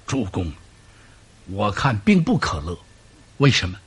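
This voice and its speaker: A man voicing a cool, stern male strategist who speaks in low, clipped commands, in a traditional storytelling performance. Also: very animated, a little slow, breathy edge, heavily acted. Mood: measured.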